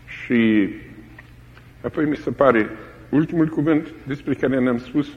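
A man preaching a sermon in a dramatic way, repeating key phrases for emphasis. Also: mid-range voice. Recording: echoey hall, dull lo-fi old recording.

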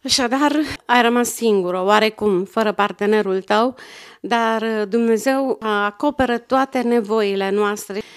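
A woman interviewer with a somewhat high voice asks calm, reflective questions. She steers the conversation gently from one topic to the next.

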